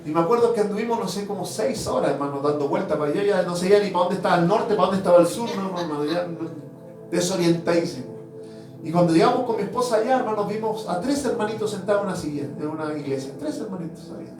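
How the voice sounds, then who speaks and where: High-pitched fervent preacher, roomy hall. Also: male voice, expressive, quick pace. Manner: fervent, addresses congregation as brothers, swings from loud to hushed. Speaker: apostle preaching. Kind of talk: sermon. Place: church hall. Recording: roomy church sound from a distant mic with faint music.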